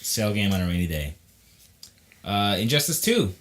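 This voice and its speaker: Low-voiced, animated man running down news. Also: moderate pace. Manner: enthusiastic, blunt, with mild swearing. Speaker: podcast co-host. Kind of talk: casual chat, reading game news.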